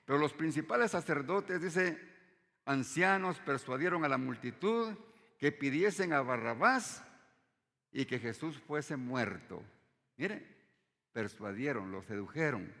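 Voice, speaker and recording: Man preaching in church, keeps saying brothers, drops low at phrase ends, long echoey hall reverb. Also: animated, unhurried, pushed and bright. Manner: repeats "hermanos" often, dropping his voice low at phrase ends. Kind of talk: sermon.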